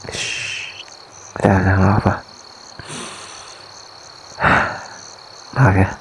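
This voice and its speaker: Whispered role-play: man as a remorseful young husband, soft and pleading, mid-pitched. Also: unhurried, long pauses, slight background noise, natural voice, low-quality recording. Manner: soft, pleading, sprinkles English phrases. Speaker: ASMR voice actor.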